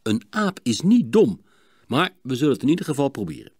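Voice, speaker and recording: A man reading an audiobook voices a patient, clever doctor in a raised, instructive tone with a lively voice. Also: mid-range voice, fairly quick, husky, dry recording, clean studio sound. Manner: calm, instructive, raised and bright.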